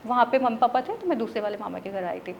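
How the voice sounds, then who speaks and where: Woman from odisha chatting thru a story, kinda high voice, faint hiss behind. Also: big pitch swings, quick pace, vocal fry, dull audio. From Odisha, India. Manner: chatty, mixes English words, checks in with "right?". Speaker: guest, tarot reader. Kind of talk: storytelling in a casual interview.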